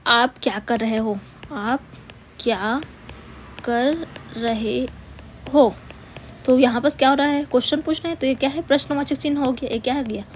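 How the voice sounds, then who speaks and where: Woman, grammar teacher, slightly high voice, dictates word by word, rhetorical questions, faint hiss. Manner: patient, repeats key words and asks rhetorical questions; dictates slowly word by word while writing. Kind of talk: Hindi grammar lesson.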